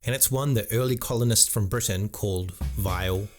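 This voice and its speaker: New Zealand male narrator, explanatory and lightly wry, clear music behind. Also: on the low side, fairly quick. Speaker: video essay narrator. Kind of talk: scripted narration.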